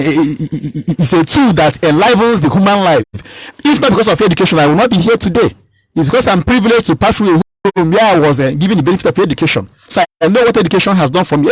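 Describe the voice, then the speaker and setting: A man's voice: high-pitched, husky, no room sound, poor audio. A man in his thirties with a Nigerian accent, speaking as a political candidate in a radio interview, emphatic and given to repeating and restarting his phrases. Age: 30s.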